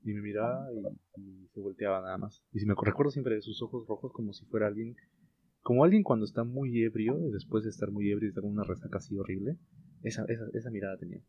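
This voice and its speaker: A low-voiced man tells a story in relaxed conversation, pausing often and restarting his sentences. The recording is dull and lo-fi, as if captured on a cheap microphone. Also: slight background noise. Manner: hesitant, many fillers and restarts. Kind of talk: casual chat. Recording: lo-fi muffled sound.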